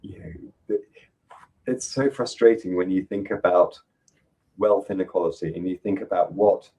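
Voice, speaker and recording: A man's voice: low-pitched, moderate pace, mellow, low-quality recording. A man in his late fifties speaking as a podcast guest, earnest and reflective with frequent fillers. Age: 50s. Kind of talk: interview conversation.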